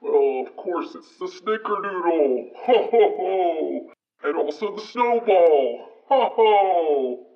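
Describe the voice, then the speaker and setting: A man playing a jolly old Santa Claus in a podcast interview, with a booming ho-ho-ho laugh. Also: animated, exaggerated voice. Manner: booming ho-ho-ho laugh, slow and warm. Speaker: interview guest from an archive recording. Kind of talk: phoned-in interview. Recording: dull lo-fi call audio.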